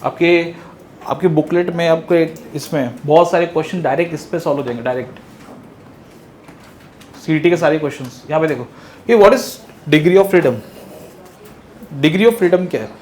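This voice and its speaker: A man teaching a physics lecture, lively, firing rhetorical questions at his students and answering them himself. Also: a little high, normal speed, long pauses, slight background noise. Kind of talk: classroom lecture.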